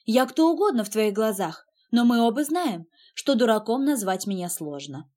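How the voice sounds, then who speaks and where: A woman reading the part of an icy, clipped rich husband from a spoken romance novel. The voice stays flat and measured, and it sits a little high because the narrator keeps her own voice. Every line is short and cold. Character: cold, curt wealthy husband, man.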